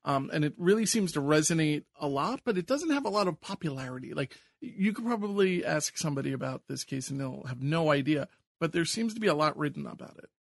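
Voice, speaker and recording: Man, Long Island accent, podcast co-host, gravelly, dry close sound, rambling and enthusiastic. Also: a little high, animated, quick pace, no echo. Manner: rambling, self-correcting, enthusiastic. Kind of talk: casual podcast chat.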